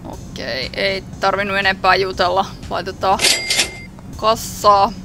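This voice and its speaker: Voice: medium pitch, level tone, gravelly. A gaming YouTuber giving casual, jokey running commentary while playing a game. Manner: chatty, jokey running commentary with small laughs.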